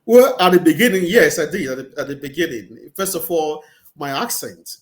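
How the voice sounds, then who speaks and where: Heard over a laptop or webcam video call from a small room, a middle-aged Nigerian-accented man with a fairly high voice for a man talks expressively in a casual interview. He pauses and repeats words as he searches for the right phrasing, keeping it easygoing and conversational.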